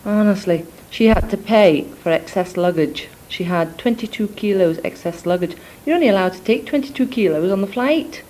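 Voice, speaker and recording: A woman's voice: mid-range voice, expressive, moderate pace, hardly any pauses, warm tone, slight background noise, low-quality recording. A young woman with a mixed Scouse and Scottish accent, rambling through a spoken cassette letter to family, full of ums and asides, recorded indoors on a cassette recorder. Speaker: letter writer. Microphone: cassette or dictaphone recorder.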